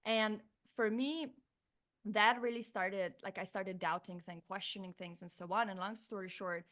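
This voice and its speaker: A woman's voice: medium pitch, steady tone, normal speed, a bit bright. Reflective woman from Slovenia. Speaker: guest, neuroscientist turned coach. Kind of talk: casual interview chat.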